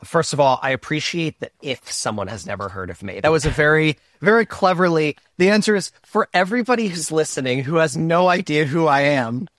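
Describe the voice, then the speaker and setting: A man in his thirties, a podcast guest who talks in an animated, self-deprecating, rambling way. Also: fairly high pitch, brisk, hardly any pauses, no room sound, studio quality. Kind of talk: casual interview chat.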